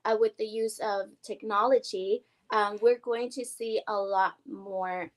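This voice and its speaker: A young adult woman, an award-winning guest, talking excitedly in a casual interview chat. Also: mid-range voice, unhurried, poor audio. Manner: excited, upbeat, talkative.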